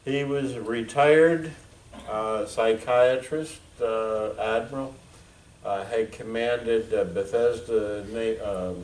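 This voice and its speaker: A man in his seventies, a veteran, giving a frank, reflective talk to an audience with many pauses and fillers. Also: lowish voice, fairly even intonation, a little mellow, distant mic. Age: 70s. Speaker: veteran speaker. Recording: echoey room, voice from afar.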